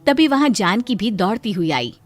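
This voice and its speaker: A woman narrating a cartoon story in a steady, plain storytelling voice. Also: mid-range voice, normal speed, faint music behind.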